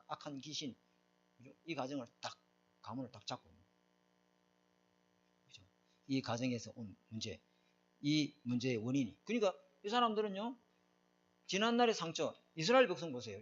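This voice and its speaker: A middle-aged man preaching a sermon, emphatic and often asking his congregation questions. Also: fairly high pitch. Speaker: pastor. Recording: dull lo-fi recording.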